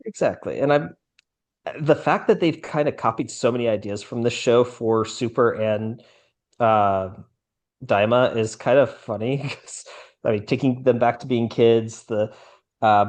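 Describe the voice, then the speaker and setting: A man co-hosting a casual anime podcast, talking in a relaxed, agreeable way with occasional fillers. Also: medium pitch, normal speed. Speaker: podcast co-host. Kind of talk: casual chat about anime.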